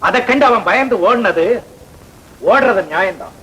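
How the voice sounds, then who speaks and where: An actor playing a thoughtful husband who reasons aloud in an old Tamil film. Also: male voice, high-pitched, expressive, normal speed, loud music behind the voice, low-quality recording.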